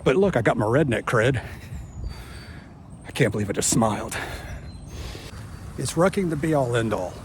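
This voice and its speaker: A man's voice: medium pitch, expressive, moderate pace, long pauses. Winded man with a missing tooth, outdoors. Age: 50s. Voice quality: speaks with a missing front tooth. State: winded, out of breath. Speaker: fitness vlogger. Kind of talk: casual talk to camera while exercising outdoors. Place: outdoors on a walking route. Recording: outdoor noise, passing vehicle sounds.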